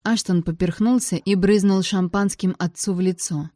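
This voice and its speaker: A woman reading a novel aloud in the first person, in an expressive, measured storytelling manner on a close mic. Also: medium pitch, dry recording. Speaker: audiobook narrator. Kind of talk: first-person audiobook narration.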